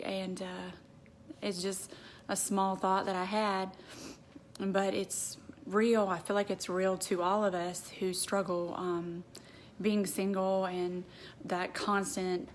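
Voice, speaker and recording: A woman's voice: medium pitch, slight background noise. A woman talking casually and earnestly to her viewers on a live stream, confiding her thoughts and reading a heartfelt prayer aloud. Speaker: faith vlogger. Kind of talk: casual devotional talk to viewers.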